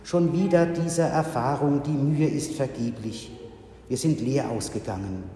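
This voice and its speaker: Slow, measured male preacher. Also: mid-range voice, dark tone, a little hiss or hum. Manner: slow, measured, with solemn pauses. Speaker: pastor. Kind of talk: sermon. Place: church. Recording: reverberant church hall.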